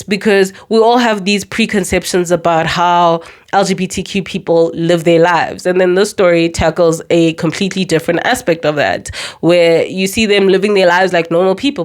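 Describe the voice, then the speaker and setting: Chatty, emphatic woman reviewing books. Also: lowish voice. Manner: chatty and emphatic, sarcastic asides, repeats words for stress. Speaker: book reviewer. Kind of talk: casual book review vlog.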